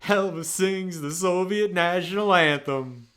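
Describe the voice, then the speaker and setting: A man voicing a swaggering [name]-style male pitchman in a mock commercial, drawling and muttering "uh-huh" between phrases. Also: unhurried, fairly bright tone, smooth.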